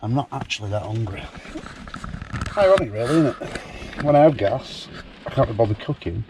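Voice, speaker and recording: British man, easygoing casual vlogger, medium pitch, inside a camper van, faint rain on the roof. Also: expressive, moderate pace. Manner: easygoing, informal. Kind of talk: casual chat to camera. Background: rain on the van roof, background noise.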